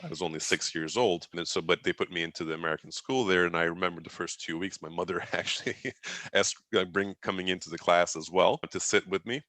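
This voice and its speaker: A Turkish man in his forties, a native Turkish speaker, rambles through his life story as a guest in a casual interview, often restarting his sentences. His voice is low, quick and slightly bright, recorded with no echo.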